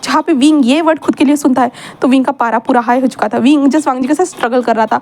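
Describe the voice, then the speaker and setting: A woman reads a romance fan fiction aloud in a high, bright voice. She talks fast and chattily, repeating little connecting phrases as she goes. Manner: chatty, repetitive narration. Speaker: storyteller.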